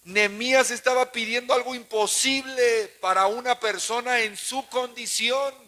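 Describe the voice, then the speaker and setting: A man's voice: extremely high pitch, fairly even intonation, normal speed, bright, forceful tone. A man with a Mexican accent preaching a fervent, emphatic sermon as pastor, often checking that the congregation follows.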